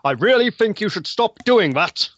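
A man's voice: sits high, lively intonation, normal speed, a bit bright, muffled recording, pitched above the performer's own voice. A man voicing an indignant, undeterred tabletop game adventurer who sputters in protest like a foiled villain. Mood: sputtering indignation.

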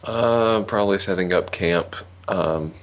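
A man playing a tabletop roleplaying game, speaking casually in character with a dry, deadpan manner. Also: low-pitched, measured pace. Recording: slightly muffled recording.

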